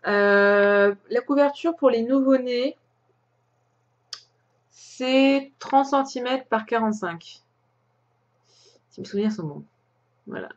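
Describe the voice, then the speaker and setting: A woman's voice: a little high, slow pace, long pauses. Chatty French woman, dull lo-fi sound. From France. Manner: hesitant, many fillers and restarts, chatty with light laughs. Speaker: crafting podcast host. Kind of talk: casual show-and-tell chat.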